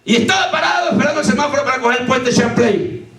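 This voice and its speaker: A man preaching a fervent sermon as pastor, often shouting as he tells personal stories. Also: very high voice, fast talker. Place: church sanctuary. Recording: echoey church from far off.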